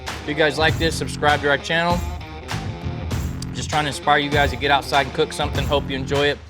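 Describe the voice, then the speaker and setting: A man's voice: on the high side, little pitch movement, fairly quick, loud music behind the voice. A man hosting a cooking video, talking casually and enthusiastically to the viewers in a folksy way. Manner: folksy, enthusiastic, talks to camera. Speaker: cooking channel host.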